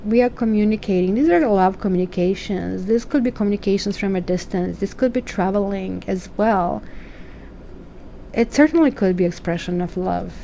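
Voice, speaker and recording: Asking questions aloud as she muses chattily over the cards, this tarot reader from Croatia speaks with a Croatian accent. Her medium-pitched voice is warm yet gravelly at a moderate pace, with a little hiss or hum.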